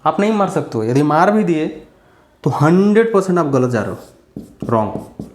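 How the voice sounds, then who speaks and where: Guy explaining grammar, chatty, keeps repeating examples, kinda high voice, roomy echo. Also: sing-song, moderate pace, darkish tone. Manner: chatty, addresses viewers as bhaiya, drills examples by repetition. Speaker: English grammar teacher. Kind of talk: casual explanatory lesson.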